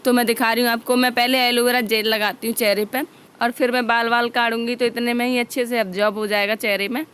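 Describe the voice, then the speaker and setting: A woman's voice: a little high, flat delivery, quick pace, fairly bright tone, smooth. A young adult woman chatting homely and directly to viewers as she narrates a casual home vlog. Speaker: vlogger.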